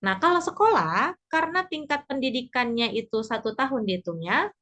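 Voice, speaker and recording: A woman teaching a basic conversation class, explaining patiently in a chatty way, repeating points and pausing with fillers. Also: high-pitched, expressive, pushed and bright. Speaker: Japanese teacher.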